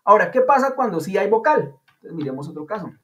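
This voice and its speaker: A man's voice: sits high, big pitch swings, fast. A man teaching an online English class, explaining patiently in a chatty way with playful comparisons. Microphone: video call. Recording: dull lo-fi online call audio.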